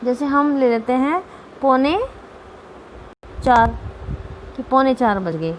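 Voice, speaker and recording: A woman's voice: sits high, lively intonation, slow, slight background noise. A woman teacher giving a Sanskrit grammar lesson to students, patient, repeating each term and checking that they understand.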